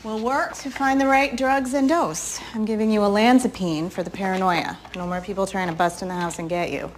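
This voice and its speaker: A woman playing a calm clinical doctor. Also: medium pitch, fairly quick, a little hiss or hum, natural voice. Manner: calm, explanatory. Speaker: TV drama character.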